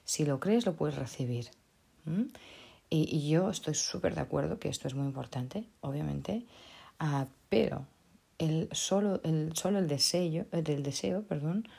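A woman giving a motivational talk off the cuff, stumbling over words and restarting often. Her voice is husky and mellow, with a gravelly edge. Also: low-pitched, lively intonation, a little slow. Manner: hesitant, with many restarts and tag questions. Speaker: motivational speaker.

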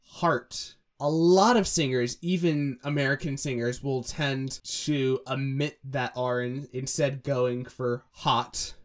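A young man co-hosting a casual music analysis show. He talks through how a singer shapes her vowels and sings short sounds to show the difference. His voice sits at an ordinary middle pitch. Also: steady tone, unhurried, hardly any pauses. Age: young adult. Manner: explains pronunciation by demonstrating sounds.

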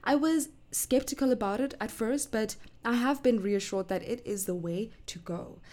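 A woman's voice: a little high, normal speed, warm tone. A woman hosting her own podcast, talking chattily and upbeat, sometimes dropping into a near-whisper. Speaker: podcast host. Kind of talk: solo podcast chat.

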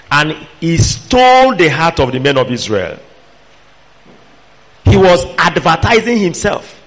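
High-pitched Nigerian male preacher, animated and admonishing. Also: vocal fry. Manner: emphatic, admonishing, rhetorical questions to listeners. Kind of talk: sermon to a fellowship.

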